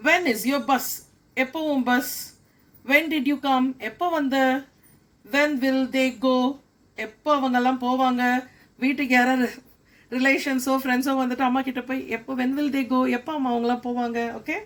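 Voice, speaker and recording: A middle-aged woman with a Tamil accent, a school principal giving an English lesson. She repeats each example sentence slowly and then gives it in her own language. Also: high voice, level tone. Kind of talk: classroom lesson.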